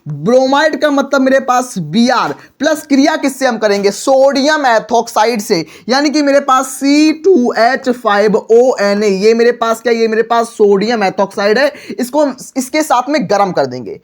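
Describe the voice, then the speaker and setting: A male teacher giving a lively exam-prep chemistry lecture, asking rhetorical questions and repeating phrases to drive points home. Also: very high-pitched. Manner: repetitive, rhetorical questions, filler phrase "mere paas". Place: online class video.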